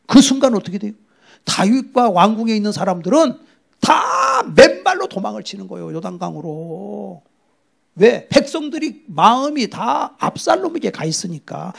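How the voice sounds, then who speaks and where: A man's voice: sits high, vocal fry, husky. A middle-aged man preaching a sermon as a pastor, telling the story dramatically, acting out voices and dropping to whispers.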